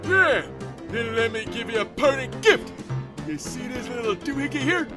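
A woman voicing a rude, cantankerous old man who yells blunt insults in a comedic audio drama. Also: a little high, expressive, moderate pace, lightly acted. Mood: rude, defiant. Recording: loud music under the voice.

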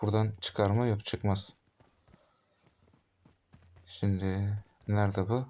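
A man in his twenties giving live gameplay commentary as a gaming YouTuber, talking to himself and his opponents and bursting into frustrated shouts. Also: fairly low pitch, little pitch movement, takes it slowly, highs cut off. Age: 20s. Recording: game gunfire and clicks behind voice. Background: gunshots and game sounds.

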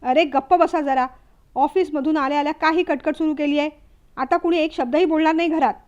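A woman's voice: high-pitched, brisk, dark tone, lightly acted. Stern angry husband, barking orders, played by a woman narrator; dull recording. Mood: furious. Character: stern tired husband, quick to threaten.

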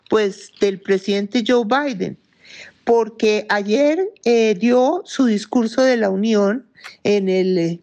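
Woman giving measured news commentary. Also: on the high side, darkish tone. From Colombia. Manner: measured, conversational with occasional fillers. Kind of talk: spoken opinion commentary.

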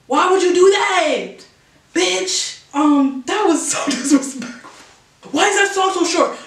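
Excitable woman reacting in an echoey room. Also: sits high. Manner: excitable, profane, laughs and sings along. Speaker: music reaction host. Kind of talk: casual reaction commentary. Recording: roomy echo, mic at a distance, music playing. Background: song playing.

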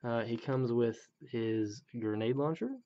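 Reviewing an action figure casually, a man in his thirties sounds blunt, critical and grumbling, though his mid-range voice is warm and a little slow. The dull lo-fi audio carries slight background noise.

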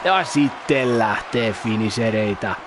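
A man giving chatty, excitable commentary while playing a video game, swearing and exclaiming at the action. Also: lowish voice, crowd noise, noisy background. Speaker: gaming YouTuber. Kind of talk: casual Let's Play commentary.

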